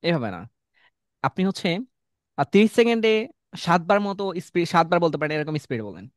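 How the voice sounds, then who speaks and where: A man's voice: a little high, big pitch swings, moderate pace, no room sound. A man running a live online class over a video call, drilling students on tongue twisters and calling on them one by one. His voice is dry and close, with nothing behind it. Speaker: online English teacher. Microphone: computer mic on a video call.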